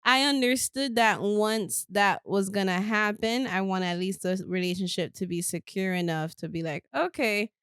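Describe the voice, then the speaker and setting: A woman in a casual podcast chat, animated, acting out what other people say and laughing often. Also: mid-range voice, moderate pace, few pauses, clear, resonant tone, no echo, studio quality. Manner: animated, acts out quoted voices, laughs often.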